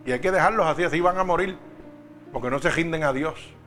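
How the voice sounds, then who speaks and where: Man, preaching sermon, high voice, faint music underneath. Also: fast talker, a bit bright. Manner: emphatic preaching with direct questions to the congregation.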